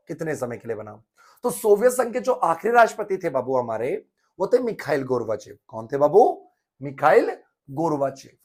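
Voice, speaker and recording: A man teaching an exam revision lesson, quizzing and repeating answers in a lively manner. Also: sits high.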